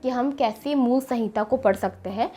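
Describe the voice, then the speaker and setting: Her voice fairly high, a young woman studying medicine explains how her days go, speaking steadily in a vlog with frequent thinking pauses.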